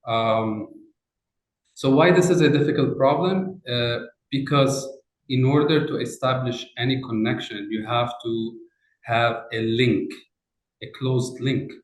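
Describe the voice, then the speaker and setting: A middle-aged man from Lebanon, a professor answering interview questions, halting often with fillers and restarts. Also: mid-range voice. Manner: hesitant, many fillers and restarts. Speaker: professor and researcher. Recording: roomy echo.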